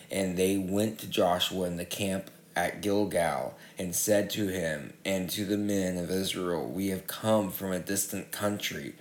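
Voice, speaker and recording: Slow, deep-voiced man reading scripture. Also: reverberant. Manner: measured, steady reading. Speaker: scripture reader. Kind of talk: public Bible reading.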